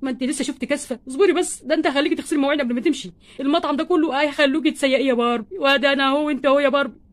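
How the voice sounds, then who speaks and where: Woman doing a broke egyptian husband doll, grumbles nonstop, talks super fast in a high voice. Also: lightly acted. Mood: scolding. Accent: Egyptian Arabic. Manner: exasperated grumbling, fast and wordy. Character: stingy flustered husband doll, grown man, always complaining. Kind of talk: doll play-acting.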